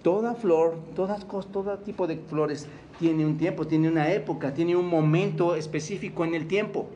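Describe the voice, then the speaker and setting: Mexican man preaching, high voice. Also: moderate pace, warm tone, highs cut off, a little hiss or hum. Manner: questions the congregation, repeats words for emphasis. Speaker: pastor. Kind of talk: sermon.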